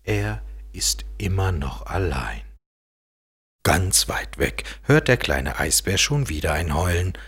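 A man with a deep, husky voice tells a children's story slowly and gently. His delivery rises and falls in a lively singsong and speaks directly to a young listener. Faint music plays behind him. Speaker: narrator.

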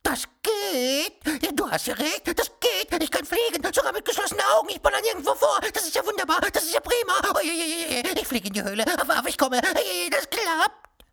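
Fields: Figure: small nervous young male bat, played by a woman. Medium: children's audio story. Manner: stammering, rushed, jittery. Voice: high. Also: animated, creaky, fairly bright tone, full character voice. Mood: excited.

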